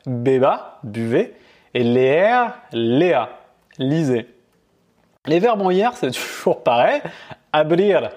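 A man giving a casual online language lesson, chatty and encouraging, speaking directly to the learner. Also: a little high. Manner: chatty, addresses the learner as tu, many fillers. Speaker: Spanish teacher.

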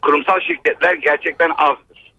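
Husky man calling in over a landline phone. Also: fairly high pitch, steady tone, normal speed, dry recording. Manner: explaining with frequent hesitations. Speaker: caller, human resources trainer. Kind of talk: call-in radio talk. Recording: phone call into a radio show.

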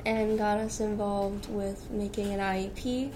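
A young woman, a new high school senior, giving short quiet answers in an interview. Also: fairly even intonation, a little slow, background noise.

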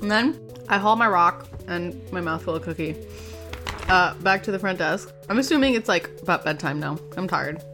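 A woman's voice: fairly low pitch, lively intonation, normal speed, sharp tone, soft background music. A woman playing a tabletop role-playing game, casual and giggly. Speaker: player.

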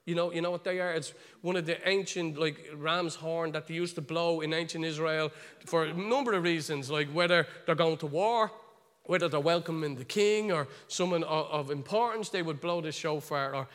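A man with a Dublin Irish accent, telling a story in a sermon, chatty and animated, with asides to his listeners. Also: a little high, moderate pace. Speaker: preacher. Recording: long reverb of a large hall.

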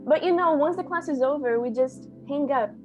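Chatty young woman, high voice. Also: normal speed, dark tone, dull audio, soft background music. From Brazil. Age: young adult. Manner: chatty, leans on "like". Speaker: international student. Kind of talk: casual interview answers.

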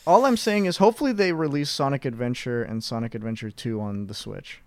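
A man's voice: mid-range voice, fairly quick, dry recording. A young man co-hosting a podcast in casual, slangy chat, given to exaggeration. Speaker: podcast co-host.

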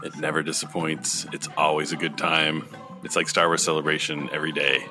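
A man's voice: rumbling low, level tone, a little fast, bright, forceful tone, soft background music. A man chatting casually as co-host of a fan podcast.

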